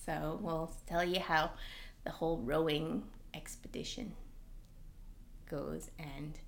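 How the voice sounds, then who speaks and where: A woman co-hosting a podcast in casual chat, talking in an animated way with lots of fillers. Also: sits low, slow, vocal fry, reverberant, a little hiss or hum. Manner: chatty, animated, frequent "like" fillers. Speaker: podcast co-host.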